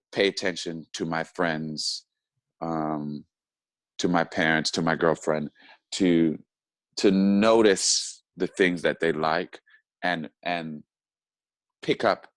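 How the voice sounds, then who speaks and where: A man, an actor, talking casually as an interview guest, halting and often repeating his words. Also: low voice, dry recording.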